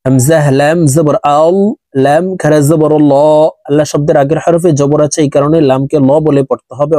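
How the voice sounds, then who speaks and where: A man teaching Quran recitation, spelling out letters and vowel marks one by one, then chanting the words slowly, with brisk explanations in between. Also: fairly high pitch, mellow, no echo. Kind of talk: slow spelled-out recitation lesson.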